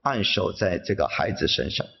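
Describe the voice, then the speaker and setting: A man interpreting a sermon phrase by phrase, somewhat halting. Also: low voice, sing-song, creaky, breathy edge, highs cut off.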